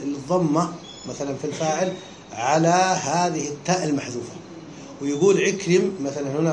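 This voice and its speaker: A male teacher, his voice sitting a little high for a man, walks his students through a text. He keeps breaking off with quick questions to check they follow. The sound is roomy and echoey, with a faint hum behind him. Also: darkish tone. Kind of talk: classroom lesson explaining a text.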